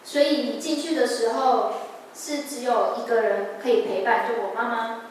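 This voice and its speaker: A young woman with a Taiwanese Mandarin accent giving a personal testimony at a church service, earnest and halting with restarts. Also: a little high, fairly even intonation, a little hiss or hum. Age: young adult. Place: large church hall. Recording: echoey hall, mic far off.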